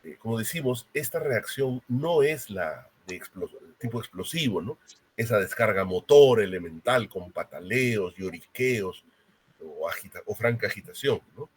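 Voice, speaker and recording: A man's voice: lowish voice, expressive, moderate pace, breathy edge. A man giving a university lecture, explaining step by step and often checking in with a tag question.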